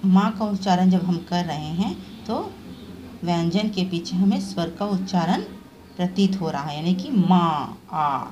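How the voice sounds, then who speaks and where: A woman teacher talks her class through a lesson at a very unhurried pace, her voice swinging widely up and down as she checks in with the students. She spells out each sound slowly and carefully. A faint hiss of background noise sits under the recording. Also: medium pitch, a little mellow. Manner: explains step by step, often checks with "ठीक है" in a rising tone.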